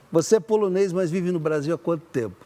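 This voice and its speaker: Playful talk show host, higher voice. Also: male voice. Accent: Brazilian Portuguese. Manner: jokey, theatrical, warm banter.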